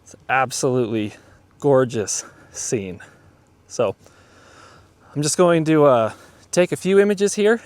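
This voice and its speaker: A man narrates his outdoor photography trip with easy, upbeat enthusiasm, talking casually while he works. He sits at a mid pitch and is recorded out in a mountain forest on a camera mic. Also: dry recording. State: out of breath. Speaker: landscape photographer.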